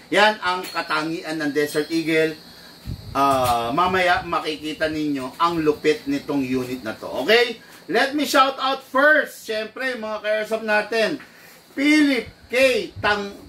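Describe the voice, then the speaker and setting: Guy chatting on a stream, bright voice, kinda far from the mic. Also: high voice. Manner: chatty, laughs easily, greets viewers. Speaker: airsoft live-stream host. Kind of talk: casual live-stream chat. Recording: distant mic, faint background noise.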